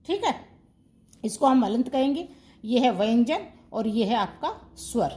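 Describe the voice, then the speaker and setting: A woman's voice: a little high, animated, a little slow, a little mellow. A woman teaching Hindi grammar in an online class. She asks her students questions, answers them herself and repeats the key terms.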